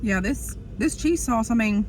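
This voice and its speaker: A woman's voice: fairly high pitch, expressive, unhurried. A woman chats casually in an eating vlog, chewing while she talks. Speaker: mukbang vlogger. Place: inside a parked car, window down. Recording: background noise in a car. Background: ambient vehicle noise.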